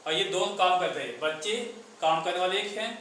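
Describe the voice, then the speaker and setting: A man teaching an English grammar lesson in a classroom, slowly repeating words one at a time. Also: sits high, pushed and bright, a little hiss or hum. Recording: echoey room from far off.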